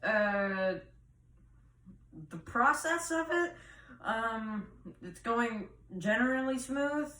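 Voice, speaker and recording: A young man chatting casually in a hesitant, deadpan way, often trailing off. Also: very high-pitched, very slow, long pauses. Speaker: co-host. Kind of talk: casual chat. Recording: roomy room, distant mic.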